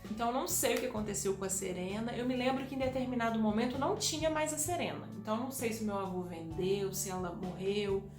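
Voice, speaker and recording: Woman vlogging a childhood story, animated, talks right to viewers, kinda high voice, echoey room. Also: quick pace, hardly any pauses, music in the background. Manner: animated, addresses viewers directly. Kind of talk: personal storytelling.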